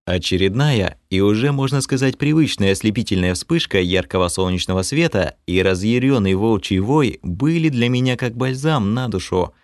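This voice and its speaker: Lively low-voiced male audiobook narrator. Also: normal speed, hardly any pauses, no echo, clean studio sound. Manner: animated reading with lively shifts of tone. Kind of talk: first-person audiobook narration.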